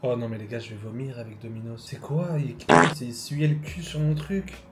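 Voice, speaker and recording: A young man, animated, tasting fast food in a casual vlog and swearing loudly at bad food. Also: mid-range voice, slight background noise, rough recording. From Switzerland. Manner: animated, loud bursts of disgust, swearing. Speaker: food vlogger.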